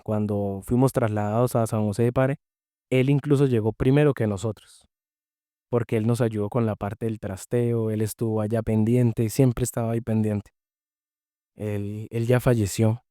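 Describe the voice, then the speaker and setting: A man's voice: lowish voice, dark tone, no echo, studio quality. A young man with a Colombian accent, a podcast guest telling his personal faith story in an earnest, heartfelt way, often repeating phrases.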